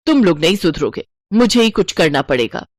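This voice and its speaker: Cartoon story: stingy bossy mother-in-law, voiced by a woman, low and stern. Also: very animated, fairly quick, no echo. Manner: scolding, penny-pinching nagging.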